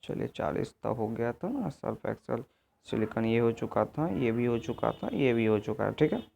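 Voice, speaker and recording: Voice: medium pitch, expressive, moderate pace, creaky, mellow, a little hiss or hum. A teacher going through exam answers, repeating points and often correcting themself. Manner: repetitive, often self-correcting with "sorry"; checks in with "ठीक है" and "आगे देखिए". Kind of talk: exam answer walkthrough lesson.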